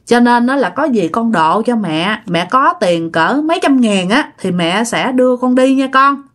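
A woman with a Southern Vietnamese accent voicing a poor mother who gently explains she cannot afford a trip. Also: a little high, expressive, a little slow. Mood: gentle.

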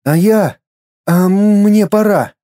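A man voicing a boy, the fading inner voice of the hero's body, speaking gently and with resignation. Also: high-pitched, slow, voice pushed up. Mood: insistent.

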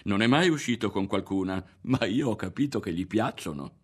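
A man's voice: lowish voice, lively intonation, normal speed, a little mellow, natural voice. A man reading an audiobook, voicing a forward young girl who asks teasing, probing questions.

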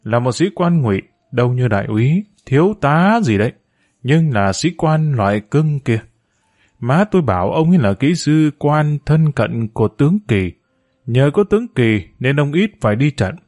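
A man narrates an audiobook chapter in a measured storytelling manner. His voice sits at an ordinary middle pitch for a man. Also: big pitch swings, darkish tone.

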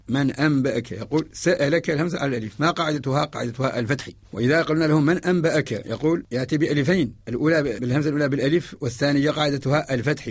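A man's voice: on the high side, husky, dry recording. A man giving a methodical radio lesson, chanting verse lines and then explaining them through example questions to an imagined student. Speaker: Quran spelling teacher.

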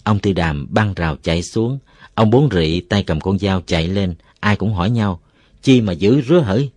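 A man reading a novel aloud, calm and even, as narrator. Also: low-pitched, moderate pace, no room sound, studio quality.

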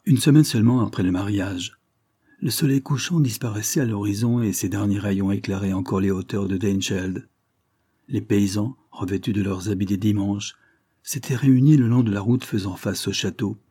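A man narrating a novel as an audiobook in a measured, even storytelling manner, with a husky voice. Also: fairly low pitch, no echo, studio quality. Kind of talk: scripted narration.

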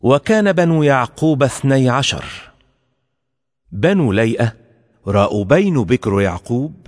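A man giving a formal scripture reading with a measured, solemn delivery. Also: mid-range voice, big pitch swings. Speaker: scripture reader. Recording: long hall reverb.

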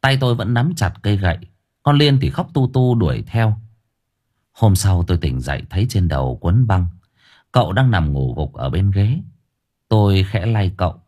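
A man narrating a first-person audiobook story in a dramatic, lively way. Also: low-pitched, moderate pace.

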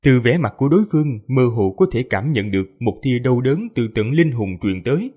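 Lively, slightly husky male narrator. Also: medium pitch, brisk. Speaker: audiobook narrator. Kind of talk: storytelling narration.

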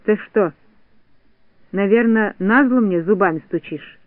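A man's voice: high voice, measured pace, no room sound, narrow, tinny audio. A man voicing a grumpy, suspicious little boy who keeps complaining. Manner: grumbling, complaining.

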